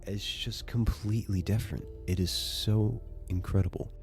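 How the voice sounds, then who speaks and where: A man narrating a casual video essay, excitable and swearing freely as he gushes. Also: on the low side, normal speed, soft background music. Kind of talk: casual enthusiastic commentary.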